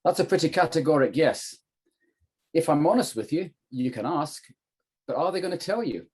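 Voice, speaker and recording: A man's voice: fairly high pitch, animated, moderate pace, darkish tone, slightly rough. A middle-aged man explaining things as a trainer, in an informal lecture style with emphatic rhetorical questions. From UK, northeast England. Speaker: trainer, former police officer.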